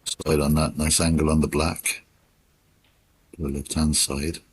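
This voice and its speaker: A man commentating on sport in a hushed, unhurried golf-commentator manner, with measured, sparse phrases and long pauses. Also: very deep voice, flat delivery, husky. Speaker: snooker commentator.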